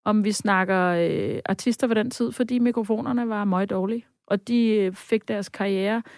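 A woman's voice: medium pitch, no echo, studio quality. A woman who works as a vocal coach, talking in a casual interview with lots of fillers and bursts of sung examples. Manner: lively, demonstrative, often sings out examples; frequent hesitation fillers. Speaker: vocal coach and session singer.

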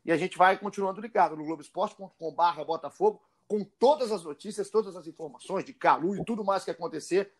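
A man's voice: high-pitched, fast, hardly any pauses. A man with a Brazilian accent hosting a casual football show in a chatty, informal, emphatic way. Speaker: sports podcast host.

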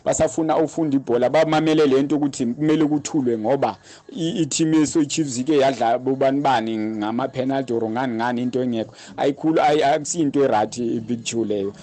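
A man's voice: medium pitch, fairly even intonation, quick pace, dark tone. A South African man calling a sports show with a casual, opinionated complaint, repeating himself as he goes.

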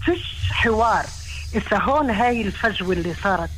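A woman's voice: medium pitch, lively intonation, a little fast, a bit bright, a little hiss or hum, rough recording. A woman with a Palestinian Arabic accent giving her opinions as a caller to a live talk show.

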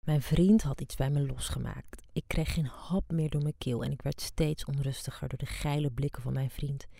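Woman, erotic story reader, low mellow tone with some fry, dry close sound. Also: no echo. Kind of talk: scripted erotic story reading.

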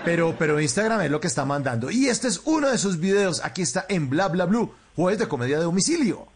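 Husky talk show host. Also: male voice, sits high, big pitch swings. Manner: quick agreeing interjections. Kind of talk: casual talk show hosting.

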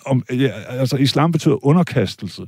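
A man's voice: mid-range voice, lively intonation, slightly rough, dry recording, studio quality. A man in a heated debate, blunt and argumentative, swearing casually.

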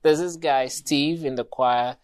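A man's voice: on the high side, measured pace, clear, resonant tone. Earnest man. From Ghana. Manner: earnest and animated, acts out what others said to him. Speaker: choir singer, interview guest. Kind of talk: interview storytelling.

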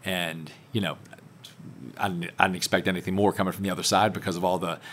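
A man's voice: deep voice, flat delivery, fast, a bit bright, a little hiss or hum. A man, a parish councilman answering interview questions in a confident, plainspoken way. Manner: confident, plainspoken, laughs easily.

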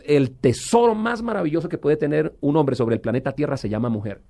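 A man's voice: a little high, fairly quick, vocal fry, warm tone. A middle-aged man giving an earnest personal testimony as an interview guest, sometimes slipping into a preacher's manner.

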